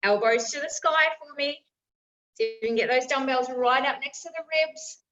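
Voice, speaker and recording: Female fitness instructor, high-pitched, encouraging, calling out exercise cues; roomy, distant recording. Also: normal speed, fairly bright tone. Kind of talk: live workout coaching with encouraging cues. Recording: roomy, distant mic, slightly dull.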